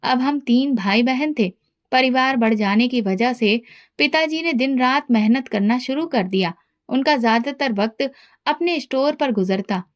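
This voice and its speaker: A woman narrating a scripted emotional family story in an even, measured reading style. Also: sits high.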